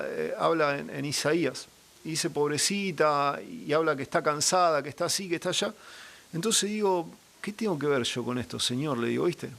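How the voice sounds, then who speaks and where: A man's voice: on the high side, gravelly, fairly bright tone. A young man gives a personal faith testimony as a guest. He tells his story earnestly and acts out the dialogue he quotes.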